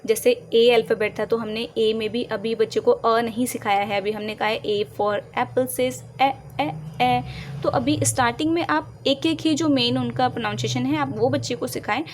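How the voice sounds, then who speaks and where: A woman with an Indian English accent, teaching phonics to parents and children, repeating each letter sound slowly and clearly. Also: a little high, slight background noise. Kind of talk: slow, deliberate teaching to parents and kids.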